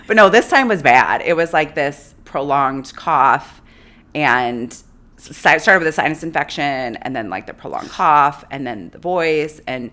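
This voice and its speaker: Hoarse after a long illness, a woman hosting a podcast speaks in a deep, raspy voice full of vocal fry, yet it's a bit bright with lively intonation. She chats easily, laughs often, and reads ads at a slightly slow pace.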